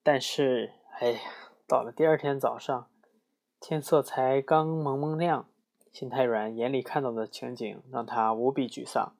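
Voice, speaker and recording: A man reading a rhyming children's picture book aloud in a lively, expressive way. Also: medium pitch, a little slow. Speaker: storyteller.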